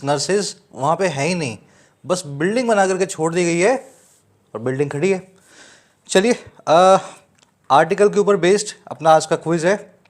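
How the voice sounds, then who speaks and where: Man tutoring English in Hinglish. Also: fairly high pitch. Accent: Indian. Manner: explains terms step by step, checks understanding with "ठीक है?"; reads quoted English slowly. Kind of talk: Hinglish newspaper lesson.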